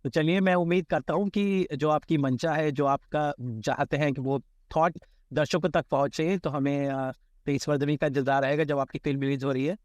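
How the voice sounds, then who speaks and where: A man's voice: on the high side, fairly even intonation, normal speed, dry recording, clean studio sound. A man interviewing film guests, asking long winding questions with fillers.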